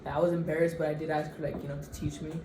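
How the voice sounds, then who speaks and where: A woman's voice: sits low, flat delivery, racing, reverberant, over music, rough recording. A woman of about twenty co-hosting a casual Q&A vlog, speaking frankly and chattily and teasing herself. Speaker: vlog co-host.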